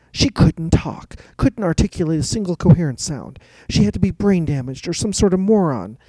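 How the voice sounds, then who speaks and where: A man narrating a story in a steady, even reading style. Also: fairly high pitch, dry recording.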